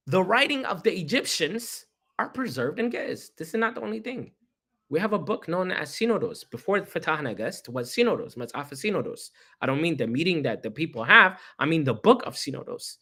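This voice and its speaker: Ethiopian-born young man with a slightly high voice; loose, chatty history talk full of rhetorical questions. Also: sharp tone. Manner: conversational, repeats himself, asks rhetorical questions. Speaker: history presenter. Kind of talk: casual spoken history talk.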